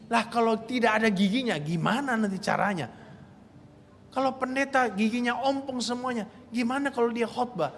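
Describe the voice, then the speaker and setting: A man voicing a tearful, self-pitying young male missionary, speaking in a soft, whimpering way. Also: extremely high pitch, normal speed, a little hiss or hum. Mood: tearful complaint. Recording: long hall reverb, faint ambience.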